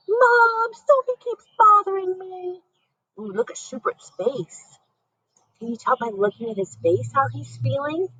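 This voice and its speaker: Husky teacher lady reading a kids book into her webcam, dry sound, asks the kids lots of soft questions. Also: fairly high pitch, dry recording, low-quality recording. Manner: gentle, questioning, talks to young children. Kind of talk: picture book read-aloud.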